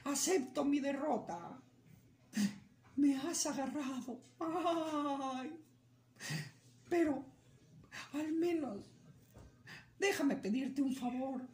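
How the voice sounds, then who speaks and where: A woman voicing a small, clever male rabbit who begs in a high, squeaky voice. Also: drawn-out words, pauses often, darkish tone, a little hiss or hum. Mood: sly, meek. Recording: roomy echo, faint ambience.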